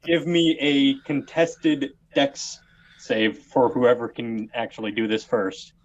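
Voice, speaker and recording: Slow easygoing man running a tabletop game. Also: medium pitch, level tone, lo-fi sound. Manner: slow, easygoing, hesitant with fillers. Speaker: game master.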